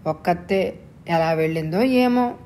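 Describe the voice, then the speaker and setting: Fretful, caring grandmother for a storybook reading , read by a woman, worried and gentle. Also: lowish voice, a little slow, slight background noise, close to an everyday voice.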